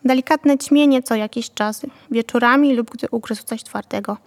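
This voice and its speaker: A woman narrating a novel in a calm, steady way. Her voice is fairly high with a gravelly texture. The recording carries a long, lingering reverb. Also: normal speed. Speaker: audiobook narrator.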